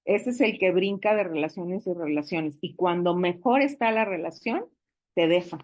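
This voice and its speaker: A woman's voice: fairly low pitch, normal speed, a little mellow. A woman giving a talk to a support group, conversational, with rhetorical questions and acted-out quotes. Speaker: speaker sharing recovery experience.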